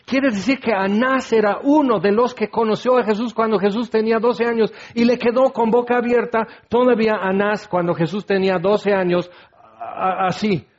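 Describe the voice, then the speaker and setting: High-voiced guy preaching, acts out the voices and gets loud, kinda muffled recording. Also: normal speed. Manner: animated, acts out biblical voices with shouts. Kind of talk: sermon. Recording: dull lo-fi sound.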